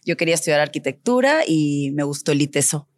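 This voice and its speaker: A Peruvian architect and designer, this woman has a low-pitched voice with lively intonation and a quick pace, captured in clean studio sound without echo. As an interview guest sharing stories conversationally, she's animated and plays out remembered snippets of dialogue.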